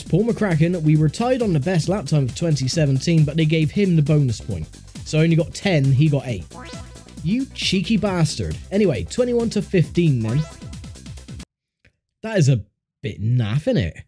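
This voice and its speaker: Big swings in pitch mark this fairly high, warm male voice, which keeps a moderate pace despite heavy sinus congestion. The YouTuber wryly and dryly narrates his racing gameplay in a casual way as game music plays behind him.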